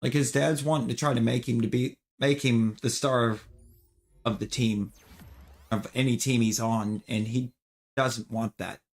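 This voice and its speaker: An opinionated man chatting casually while he plays a game on stream. He talks to his viewers in a loose, rambling way, restarting his sentences as he goes. His voice sits at an ordinary pitch for a man. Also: steady tone, measured pace. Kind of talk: casual chat while gaming.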